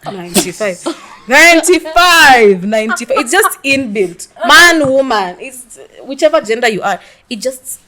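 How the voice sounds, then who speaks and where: A woman's voice: high voice, lively intonation, normal speed, pushed and bright. A woman with a Kenyan accent, chatting in a frank, bold way on a podcast panel and laughing often. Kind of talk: casual chat.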